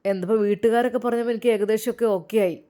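A woman's voice: fairly high pitch, fairly even intonation, very fast, warm tone, close to an everyday voice. A woman voicing a troubled husband who speaks hesitantly and grumbles with resentment. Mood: uneasy resentful. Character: troubled suspicious husband, man.

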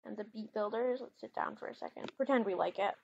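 A woman with a medium-pitched, fry-tinged voice talks quickly as she hosts a gaming video, role-playing casually through a game with her daughter. The recording is lo-fi, with heavy background noise.

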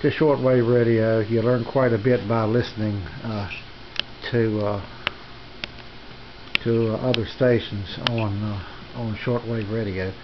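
Filming on a handheld camera, a ham radio enthusiast rambles through a folksy, halting tour of his gear in a small home radio room. His voice sits on the low side with fairly even intonation. The built-in camera mic behind the lens captures dull, lo-fi sound over a noisy room.

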